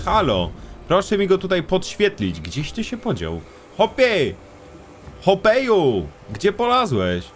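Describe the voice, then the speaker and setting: Lively young man swearing through a game. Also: mid-range voice. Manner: swears a lot, talks to enemies, jokey. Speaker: gameplay streamer. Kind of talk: casual let's-play commentary.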